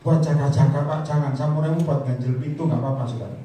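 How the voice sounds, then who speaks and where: A man preaching a sermon to a congregation, swinging from loud shouted lines to low, quiet asides and calling them brother. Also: steady tone, fast talker. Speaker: evangelist preacher. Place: large church hall. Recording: echoey hall, mic from a distance, faint hiss.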